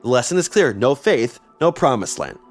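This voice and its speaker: A man narrates a history podcast from a script and slips in wry, chatty asides. His voice sits at an ordinary middle pitch. Faint music plays behind him. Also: sing-song, moderate pace. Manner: wry, conversational. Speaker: podcast host.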